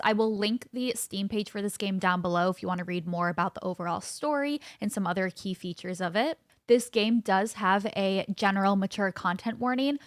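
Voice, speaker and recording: A woman's voice: medium pitch, dry recording, studio quality. A woman streamer giving casual gameplay commentary, upbeat and self-deprecating about her pronunciation. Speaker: gaming streamer.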